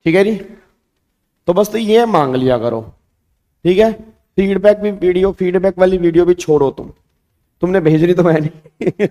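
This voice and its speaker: Hoarse, chatty male teacher. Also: high voice, moderate pace, pauses often. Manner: chatty, colloquial, speaks calmly. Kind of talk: casual online lecture.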